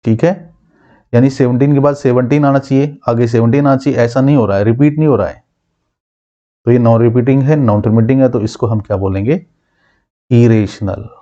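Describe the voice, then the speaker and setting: A male math teacher giving a classroom lesson, asking his students questions and answering them himself, repeating key terms slowly. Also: medium pitch, dark tone, lo-fi sound.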